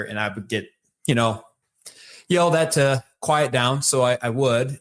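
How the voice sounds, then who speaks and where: A podcast guest with a Michigan accent and a mid-range voice tells his life story in relaxed, casual conversation. He rambles along with plenty of fillers.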